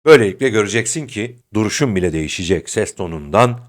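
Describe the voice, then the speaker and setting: A man's voice: on the low side, animated, fast. A middle-aged man giving a motivational talk as a self-confidence coach, speaking directly to the listener like a friend.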